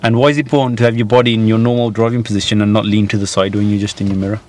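A man in his thirties, a driving instructor, walks a learner through the steps very fast in a lowish, flat voice. It's conversational question and answer inside a parked car, with noticeable car-cabin noise, and he keeps checking with "yeah?".

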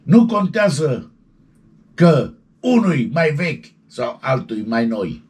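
A man delivers showbiz gossip in a loud, colloquial, excitable way, breaking into yelps. His voice is gravelly and husky, and his pitch leaps up and down constantly. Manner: excitable, colloquial, yelping interjections. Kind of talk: animated gossip commentary.

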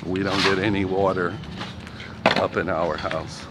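A man with a very deep voice narrates a walking tour of his property at an unhurried pace. He talks in a loose, rambling way, filling gaps with "you know". The phone recording is made outdoors, with street, animal and vehicle noise clearly heard behind him. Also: flat delivery. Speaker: vlogger giving a property tour. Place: outdoors on a street and yard in the sun. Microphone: handheld phone camera.

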